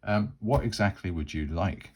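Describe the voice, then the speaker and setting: A man voicing a gruff, scarred one-legged ex-soldier smith with a slight Irish lilt, talking in a halting, apologetic way. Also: lowish voice, voice pushed up.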